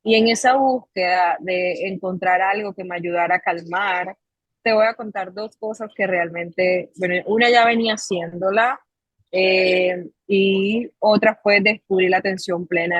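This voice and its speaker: Husky-voiced coastal woman. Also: medium pitch, dry recording, rough recording. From Colombia, Caribbean coast. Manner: measured, with frequent pauses and fillers. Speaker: psychologist and mindfulness coach, guest. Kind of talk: interview guest, reflective storytelling.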